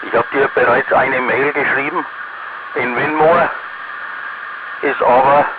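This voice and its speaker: A man giving a halting, casual amateur radio station report over walkie-talkie from inside a van, often repeating himself. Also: medium pitch, fairly even intonation. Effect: two-way radio, walkie-talkie. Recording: very noisy, tinny mobile radio link.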